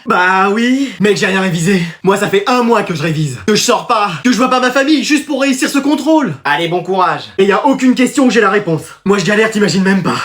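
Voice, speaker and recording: High-voiced man in a school comedy sketch. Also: lively intonation, brisk, hardly any pauses, a bit bright. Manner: playful, exaggerated schoolboy banter.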